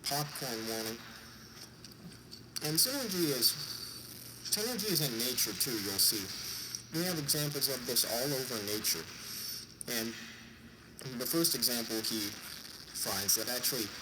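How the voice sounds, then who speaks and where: A man's voice: mid-range voice, animated, a little slow, long pauses. A man with a congested, stuffy nose gives an informal, jokey explainer in an irreverent way. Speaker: vlogger summarizing a book. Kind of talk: informal explainer talk to an audience. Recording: clearly noisy background.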